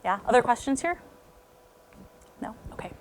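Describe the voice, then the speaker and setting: A middle-aged woman talks frankly with a group of parents in a loose, conversational way. Her speech is full of fillers like "you know", and she sometimes drops to a hushed near whisper for personal asides. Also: fairly high pitch, lively intonation, normal speed. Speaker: parenting talk speaker. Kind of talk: parent talk to a live group.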